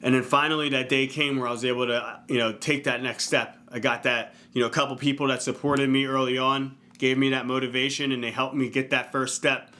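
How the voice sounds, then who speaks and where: A man in his thirties with a bright, clear-cut voice gives an earnest motivational talk as a fitness coach. He speaks casually and keeps tossing in "right?" to pull the listener along. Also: mid-range voice, little pitch movement, brisk, few pauses. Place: indoor room.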